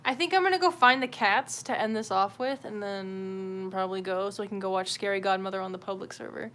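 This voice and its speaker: A brisk woman with a mid-range, fairly bright voice chats on her livestream while drawing. Casual and sweary, she tends to make fun of herself. The audio is clear, though room ambience and background noise can be heard.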